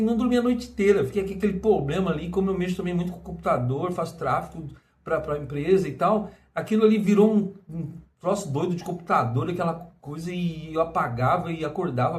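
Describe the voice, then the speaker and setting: A man from Brazil speaks in a high-pitched voice. He talks in a casual personal monologue. He stumbles through restarts and keeps tacking on little questions as he goes. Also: fast talker, a little mellow. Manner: rambling, full of restarts and tag questions. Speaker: vlogger.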